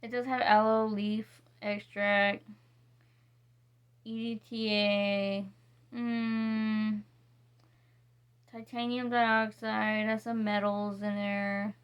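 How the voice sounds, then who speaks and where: A woman's voice: medium pitch, level tone, clean tone, dull audio. Rambling woman reviewing soap. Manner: rambling, reading ingredients slowly, with many fillers and restarts. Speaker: vlogger reviewing soaps. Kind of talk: casual product review chat.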